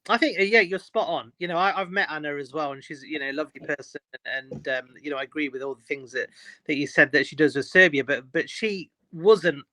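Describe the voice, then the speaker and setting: Guy on a podcast, bright tense voice, dry close sound, keeps restarting and repeating himself. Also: a little high, brisk, no echo. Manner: emphatic, many restarts and repeated words. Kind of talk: casual podcast chat.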